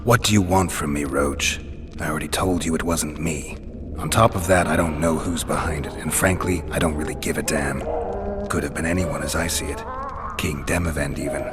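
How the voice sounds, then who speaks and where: An actor voicing a jaded monster hunter held prisoner in a video game, dry, deadpan and sarcastic. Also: male voice, extremely low pitch, normal speed, over music. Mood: sardonic.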